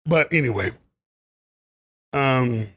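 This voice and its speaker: A man's voice: mid-range voice, lively intonation, slow pace, a bit bright, a little hiss or hum. A man delivering a rambling, opinionated basketball commentary monologue, laughing at his own asides. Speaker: sports commentary vlogger.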